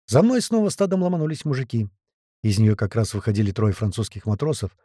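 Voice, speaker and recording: Man reading a tense audiobook story, mellow husky voice, dry sound. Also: fairly low pitch, sing-song, fast, dry recording. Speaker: audiobook narrator. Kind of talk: first-person audiobook reading.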